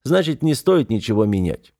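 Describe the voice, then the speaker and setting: A man's voice: medium pitch, sing-song, moderate pace, mellow. A man voicing a confident, somewhat dismissive naval officer in an audiobook. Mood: assured. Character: self-assured naval officer, adult man. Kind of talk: audiobook character voice.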